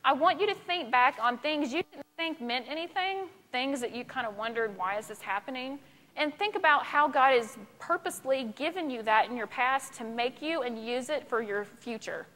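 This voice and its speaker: A woman's voice: sits high, normal speed, pushed and bright. A woman, giving an earnest, emotional personal testimony to a group. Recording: long reverb of a hall.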